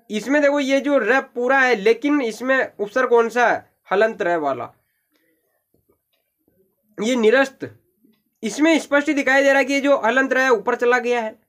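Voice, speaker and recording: A man's voice: high-pitched, a bit bright. A man teaching Hindi grammar for exam preparation, patiently breaking down each example word step by step and addressing viewers directly. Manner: addresses viewers with "देखिए" and "भाई". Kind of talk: explanatory exam-prep lesson.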